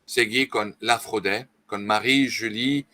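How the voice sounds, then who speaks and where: This middle-aged French guest author, speaking with a French accent, has a sharp, lowish voice and fairly even intonation. During the interview he lectures at length in a halting way, with many restarts and fillers.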